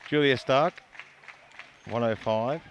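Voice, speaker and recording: A man commentating live on a lifting event, reading out lifters and weights with a relaxed, joking manner. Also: medium pitch, slow pace, highs cut off, a faint crowd, a little hiss or hum. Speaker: sports commentator.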